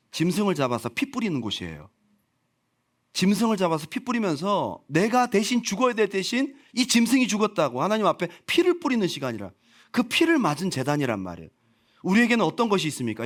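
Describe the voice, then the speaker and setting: A male pastor preaching a sermon, swinging from soft talk to loud proclaiming and acting out quoted voices. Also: on the high side. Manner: animated, acts out quotes. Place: church sanctuary.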